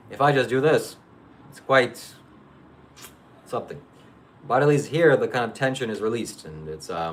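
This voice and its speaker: A Ukrainian man with a lowish voice hosts a live stream, chatting casually with viewers. He rambles and hesitates, full of fillers and restarts, over slight background noise.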